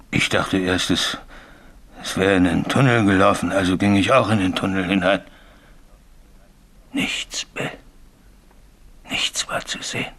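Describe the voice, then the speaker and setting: An actor playing a frightened railway signalman haunted by a ghost, telling his story haltingly and growing frantic, in a 1980s German radio drama. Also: low voice, gravelly, a bit bright, slightly rough, exaggerated voice. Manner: tells his tale haltingly, then grows frantic and desperate.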